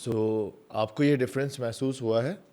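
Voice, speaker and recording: A man with a Pakistani Urdu accent hosting a podcast, relaxed, mixing English phrases into his questions. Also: medium pitch, measured pace. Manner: relaxed, mixes English into Urdu, laughs along. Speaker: podcast host. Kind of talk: casual interview chat.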